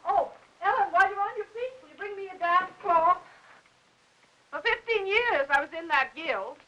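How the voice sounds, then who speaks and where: A meddling older aunt who rambles on and fusses over everyone. Her voice sits high and sounds bright and sharp. She speaks in the manner of a 1950s film. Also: lively intonation, normal speed, muffled recording, full character voice. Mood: fussing chatter. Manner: rambling, prying, fussing talk. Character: fussy chattering older aunt, busybody.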